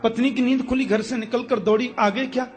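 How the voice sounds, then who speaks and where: A man's voice: very high-pitched, steady tone, a little fast, a little mellow. A man telling a devotional story as a sermon, acting out the characters expressively. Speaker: religious storyteller. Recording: echoey hall with faint music.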